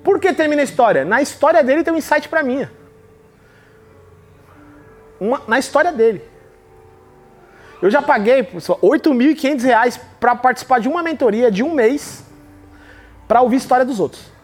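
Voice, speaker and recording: High-voiced man giving a devotional talk. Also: expressive, normal speed, pauses often, soft background music. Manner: emphatic, acts out quoted voices while telling stories. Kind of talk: devotional podcast teaching.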